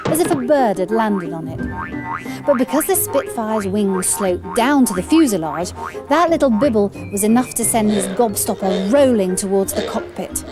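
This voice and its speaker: A woman reading children's stories in an expressive, scripted storytelling style. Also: medium pitch.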